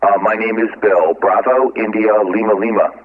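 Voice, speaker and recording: A man making a ham radio call, reading out call signs letter by letter in the phonetic alphabet. He sits a little low in pitch and halts on filler sounds between phrases. The audio comes through thin and narrowband, like an amateur radio transceiver. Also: fairly even intonation, breathy edge. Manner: halting, with frequent filler sounds. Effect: ham radio call over a narrowband transceiver.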